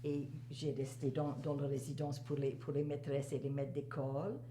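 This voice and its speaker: In an echoey room with a faint hum and some noise, an older woman with a Cajun French accent casually reminisces about her teaching career. Her voice is low and dark with little pitch movement at a moderate pace, and she repeats phrases for emphasis and drops in a few English words.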